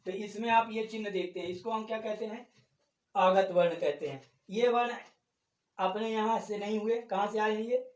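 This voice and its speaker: A man's voice: sits high, normal speed, recorded from a distance. A man teaching Hindi grammar. He explains step by step, repeats the key terms and keeps asking questions that he answers himself. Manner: asks the class questions and answers them himself. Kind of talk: classroom-style lesson. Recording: echoey room, voice off-mic.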